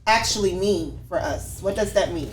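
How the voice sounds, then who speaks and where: A woman's voice: medium pitch, normal speed. A woman hosting a casual conversation, affirming her guest and asking guiding questions. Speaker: host. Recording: faint background noise.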